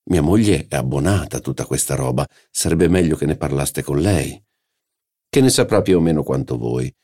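A man's voice: very deep voice, expressive, normal speed, mellow. A man voicing a polite, slightly boastful aristocratic marquis in an audiobook. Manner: deferential, laughing, slightly brash. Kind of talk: audiobook character voice.

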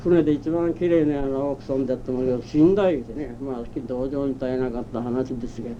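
An elderly man from Japan telling his life story as an oral history interviewee, in a rambling, halting way with old-fashioned rustic speech. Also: medium pitch, steady tone, mellow. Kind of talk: reminiscing in a personal narrative. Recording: muffled, dull old tape with faint hiss. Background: faint background noise.

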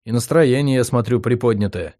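A man reading an audiobook, voicing a patient, gentle man who speaks softly and carefully. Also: mid-range voice, dry recording, studio quality, close to an everyday voice. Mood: calm, gentle. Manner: soft, measured.

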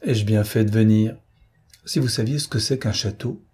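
A man reading a storybook, voicing a vain, languid young rich woman in an affected, weary, condescending manner with a husky voice. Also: lowish voice, moderate pace, a little mellow.

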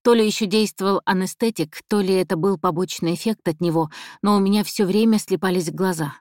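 A woman narrating a first-person thriller audiobook in a calm, measured way. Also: mid-range voice, no echo, clean studio sound.

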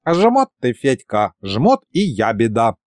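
A man's voice: medium pitch, huge pitch swings, slow, no echo. A man voicing a cranky, wheedling old male skeleton sorcerer in an audiobook, with a whiny, pleading delivery.

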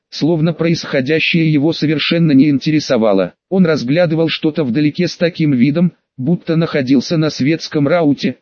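Man, fantasy audiobook narrator, steady storytelling, fairly high voice, muffled dry recording. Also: no echo.

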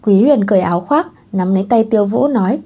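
Một người phụ nữ đọc truyện audiobook bằng giọng đều đều, không vội vàng. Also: female voice, mid-range voice, lively intonation, fast talker, dark tone, slightly rough. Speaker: narrator. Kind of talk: audiobook narration of a web novel.

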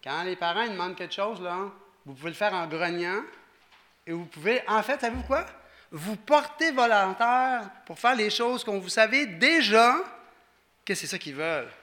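A man with a Quebec French accent preaching a conversational, animated sermon and acting out the people he quotes. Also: high-pitched, moderate pace. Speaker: pastor.

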